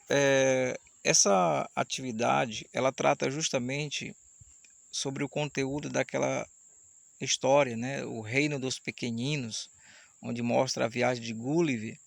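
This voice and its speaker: A man teaching an online Portuguese grammar lesson, explaining step by step and slowing down to sound out syllables. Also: mid-range voice, vocal fry, no echo. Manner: explanatory, slows down to spell out syllables. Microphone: camera mic, camera switched off.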